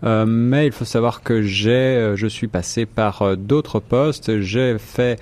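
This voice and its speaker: A man's voice: lowish voice, slow, a little mellow. A man, a radio show host, explaining his work on a live round-table with many hesitant fillers.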